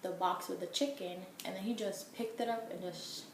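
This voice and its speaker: A woman's voice: lowish voice, steady tone, moderate pace. A young woman telling a casual story in an exasperated, emphatic way, full of filler words. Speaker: vlogger. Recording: echoey room, faint background hum.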